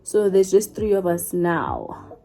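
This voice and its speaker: A warm, lowish female voice with huge pitch swings takes its time. It belongs to a South African YouTuber in her twenties chatting casually to camera for a get-to-know-me video, rambling and correcting herself throughout.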